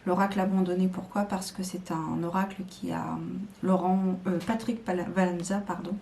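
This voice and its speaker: A woman's voice: fairly low pitch, level tone, moderate pace, vocal fry, dark tone, slight background noise. A woman showing tarot decks to camera in a casual, hesitant chat full of fillers and restarts. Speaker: tarot video creator.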